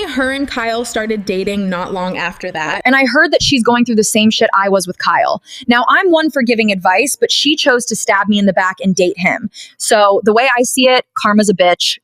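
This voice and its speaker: A woman's voice: a little high, fairly bright tone, rough recording. Chatty young woman telling dramatic gossip. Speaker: mukbang storytime host. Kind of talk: casual dramatic gossip storytime.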